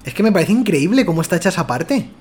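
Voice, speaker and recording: A man's voice: high voice, big pitch swings, fast talker, a little mellow, slightly rough. A man from Spain with a Spanish accent, co-hosting a casual gaming chat, emphatic and swearing freely. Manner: emphatic, swears freely, says "tío" often. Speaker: podcast co-host. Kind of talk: casual chat about video games.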